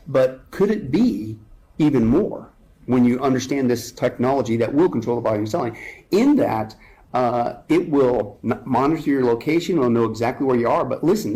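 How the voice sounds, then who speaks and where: A man's voice: medium pitch, mellow. A man speaking as a guest in an interview, urgent and emphatic, building his points with rhetorical questions. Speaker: guest speaker on end-times prophecy.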